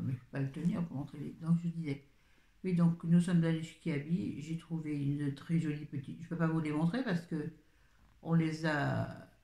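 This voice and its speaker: A woman's voice: low voice, warm tone. An older woman talks into her phone on a casual live video, reviewing a book. She rambles and drifts off topic easily, then loops back to her point. Her voice bounces around an echoey room. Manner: chatty, rambling, easily sidetracked.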